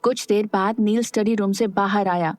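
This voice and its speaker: A woman narrating an audio story smoothly in a steady storytelling style. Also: medium pitch, moderate pace, no room sound.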